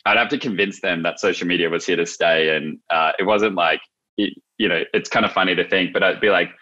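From a small office room, a young Australian man who runs a marketing agency joins a video call interview, chatting in a casual, reflective way. He speaks a little fast, his voice low and sharp-toned. The sound is a touch dull, and he wears no visible headset.

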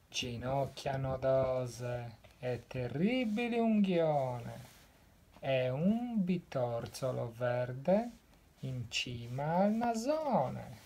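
A woman reads a rhyming children's story aloud at a very unhurried pace. Her low, mellow voice rises and falls widely as she sounds out every line. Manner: slow, expressive read-aloud. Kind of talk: reading a rhyming picture book aloud.

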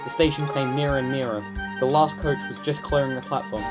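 A man from the United Kingdom narrating a children's storybook in an animated, expressive way. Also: mid-range voice, brisk. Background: background music.

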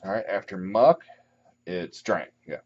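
Man, game master, slow relaxed turn calling, lowish voice, muffled lo-fi recording, faint hiss. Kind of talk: running a tabletop game session.

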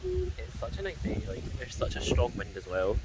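A young adult man films his travel vlog outdoors at temples and parks, holding his phone camera at arm's length. He's chatty and upbeat, prone to rambling asides, with a mid-range voice whose pitch swoops wildly. His pace is moderate, and the recording is very noisy.

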